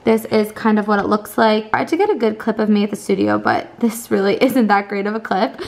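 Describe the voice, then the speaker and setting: A student teacher in her twenties chats casually to her camera at home, upbeat and saying "like" a lot, in a vlog. Her mid-range voice is brisk and a little mellow.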